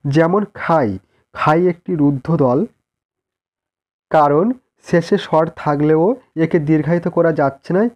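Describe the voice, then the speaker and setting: A Bengali-accented man teaches an exam-prep lesson, dictating each answer in an unhurried, measured way. His voice sits a little high for a man. The recording sounds somewhat dull and muffled. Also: a little mellow. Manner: slow, deliberate dictation with repeated cues to look.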